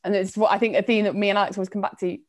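A woman's voice: mid-range voice, flat delivery, very fast, a little hiss or hum. A woman hosting a podcast interview, enthusiastic and affirming toward her guest. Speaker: podcast host.

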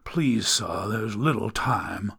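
A grave, formal butler speaks low and quietly. He intones his words with hushed ceremony, as a narrator puts him on. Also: animated, takes it slowly, gravelly, husky, full character voice. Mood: somber. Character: somber old male butler, formal and hushed.

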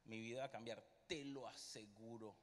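A man preaching a sermon with passion, bursting into loud outbursts and dropping to quiet asides. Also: on the low side, steady tone, normal speed, long reverb tail.

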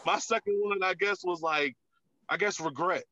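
A man's voice: high voice, normal speed, bright, forceful tone. A man, a comedian guest on a podcast, talking candidly in casual chat with lots of filler words. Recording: dull, lo-fi, dry sound.

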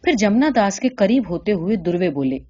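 A woman reads a literary story aloud in a calm, measured way. Her tone is mellow and dark, and the recording sounds slightly dull and lo-fi. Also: medium pitch. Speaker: narrator. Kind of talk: story reading.

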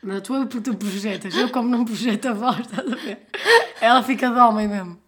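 A young woman co-hosts a podcast and tells animated stories at a quick clip, with a European Portuguese accent. Her voice is fairly high. It is roughened by a cold. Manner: animated storyteller. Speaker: podcast co-host. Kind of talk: casual chat.

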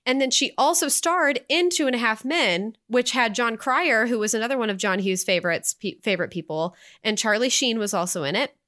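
A woman co-hosting a film review podcast, chatting in an animated way with frequent fillers. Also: on the high side, a little fast, hardly any pauses. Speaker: podcast co-host. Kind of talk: casual film review chat.

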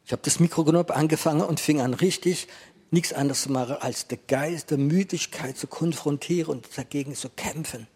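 A man's voice: fairly high pitch, brisk, a little mellow, husky. A man preaching a sermon, asking the listener questions and repeating phrases for emphasis.

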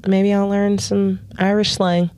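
A woman's voice: mid-range voice, little pitch movement, measured pace, a little mellow. A woman co-hosting a podcast in casual chat. She swears freely, giggles often and trails off into fillers. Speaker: podcast co-host.

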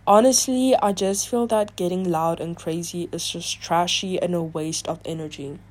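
A woman's voice: on the low side, normal speed. A woman reading online confessions aloud and breaking off into chatty, reactive asides full of "like". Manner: chatty, filler-heavy talk with frequent "like"; animated, reactive asides between read passages. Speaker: video creator.

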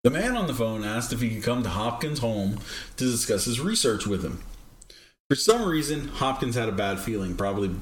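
A man's voice: mid-range voice, big pitch swings, fairly quick, roomy sound, a little hiss or hum. A man co-hosting a podcast in casual chat. He reads a story aloud and breaks off into jokes and laughter. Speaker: podcast co-host. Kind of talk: casual chat and script reading.

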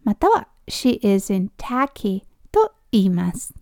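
A woman hosting a spoken lesson, explaining terms in a friendly teacherly way and slowly modelling words for the listener to repeat. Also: mid-range voice, sing-song, dry recording, studio quality. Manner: slow drawn-out model pronunciations between chatty explanations; teacherly, sprinkles soft tag words. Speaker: podcast host teaching medical English.

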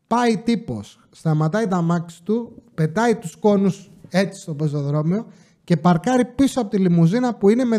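Man with a warm, high voice telling stories. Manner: swears casually, quotes people in exasperated retellings. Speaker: podcast host telling stories from his security job. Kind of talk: casual storytelling monologue.

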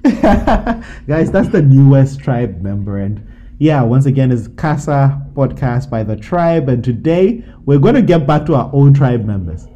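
Lively man hosting a podcast. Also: medium pitch, a little slow, dull audio, a little hiss or hum. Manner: upbeat, laughing, teasing. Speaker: podcast host. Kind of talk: casual group podcast chat.

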